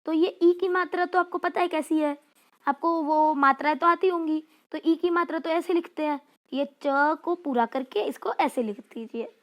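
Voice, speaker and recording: High-voiced woman teaching word by word. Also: normal speed. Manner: carefully spells out words one by one, then explains in a chatty teacher's way. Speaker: Sanskrit teacher. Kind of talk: classroom lesson explaining exercises.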